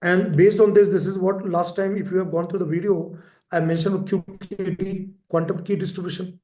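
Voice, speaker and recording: A man delivers an exam-prep lecture in a high voice. He repeats key terms and keeps checking in with his listeners. The recording carries a roomy echo. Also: flat delivery, normal speed, dark tone. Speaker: teacher. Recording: echoey room.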